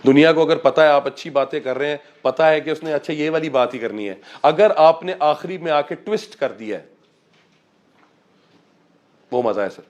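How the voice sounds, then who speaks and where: Animated man coaching public speaking. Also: on the high side, moderate pace, muffled recording. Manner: animated, mixes Urdu and English, addresses listeners as sir. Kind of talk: motivational talk to a class.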